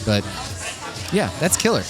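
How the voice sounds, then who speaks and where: In a loud bar full of live music and crowd noise, a man interviews a band in casual conversation. His voice is a little high and a little slow, with big pitch swings, and he rambles enthusiastically with plenty of fillers.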